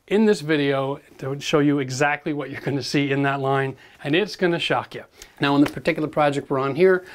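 A man in his forties hosting a renovation show, giving a direct, practical how-to demonstration from a gutted bathroom. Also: a little high. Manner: direct, practical, addresses viewers as folks. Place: gutted bathroom in an old brick building, indoors.

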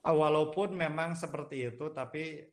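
A man's voice: fairly high pitch, fairly even intonation, moderate pace. A man lecturing on phonology in a casual, conversational way, answering a student's question and addressing him by name. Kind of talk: casual university lecture discussion.

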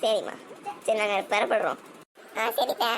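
A woman voicing a family cartoon, talking in an animated way with dramatic exclamations. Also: mid-range voice, normal speed. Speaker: cartoon channel voice actor. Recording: steady background hiss.

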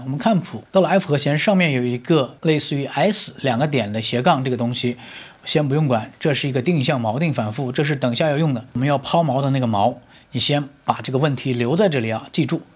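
A man's voice: medium pitch, expressive, a little fast, slightly rough. A man giving an electric guitar lesson, explaining step by step with everyday comparisons and often checking "right?" with the learner. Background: guitar playing.

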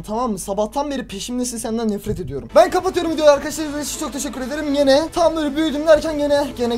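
A man hosting a gaming video, commenting excitedly on his play, shouting and groaning at the game and tossing mock insults at opponents. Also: very high-pitched.

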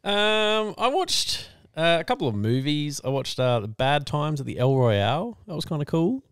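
A man's voice: a little high, big pitch swings, moderate pace, smooth, no room sound, clean studio sound. A man co-hosting a podcast in casual banter, rambling with fillers and laughing often. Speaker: podcast co-host.

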